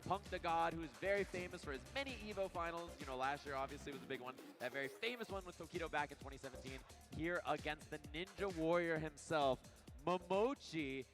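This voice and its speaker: A man commentates a live gaming tournament in an emphatic announcer manner. His voice is somewhat high, and music plays clearly behind him. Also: quick pace. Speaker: esports commentator.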